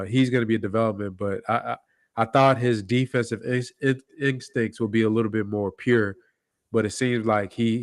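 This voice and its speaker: A man speaks with a stuffy, nasal voice, clearly sick with a cold, sitting a bit low in pitch. He talks through a basketball game in a relaxed, slangy way, pausing on fillers as he thinks. The recording is dry, with no room echo. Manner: laid-back, slangy, thinks out loud with fillers. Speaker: co-host of a basketball podcast. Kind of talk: casual post-game chat.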